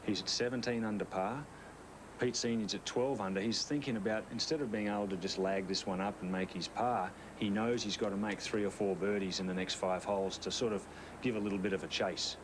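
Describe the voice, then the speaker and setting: A man with a fairly deep voice works as a golf commentator and analyst. He explains the players' options in an analytical way during live coverage. There is clear outdoor background noise around him. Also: fairly even intonation, brisk.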